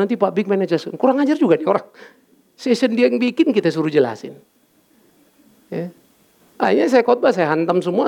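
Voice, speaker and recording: A man preaching a lively sermon as pastor, bantering with his congregation and dropping in English words. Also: high voice, creaky, lo-fi sound. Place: church.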